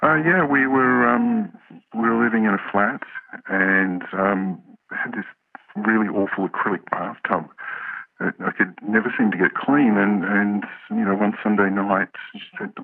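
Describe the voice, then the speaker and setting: Man, disguised deep altered voice, hesitant interviewee, narrow phone-like sound, dry. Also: dry recording. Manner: hesitant, halting, many pauses. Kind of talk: personal radio interview.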